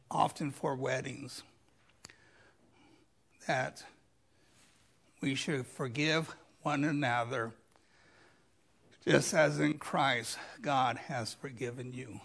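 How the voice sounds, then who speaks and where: A man preaching a sermon as a pastor, slow and emphatic, with dramatic rises in his voice. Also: medium pitch, creaky, a bit bright, breathy edge.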